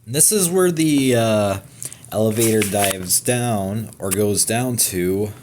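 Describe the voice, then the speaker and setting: A man's voice: on the low side, takes it slowly, a little mellow, a little hiss or hum. A young man hosting a gaming channel, giving a casual, rambling trailer breakdown with many fillers, restarts and casual swearing.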